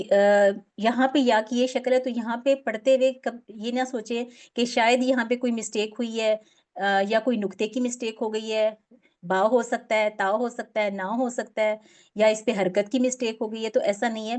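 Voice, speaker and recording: A woman's voice: a little high, a little mellow. A woman teaching a recitation class, explaining patiently step by step and drawing out example words.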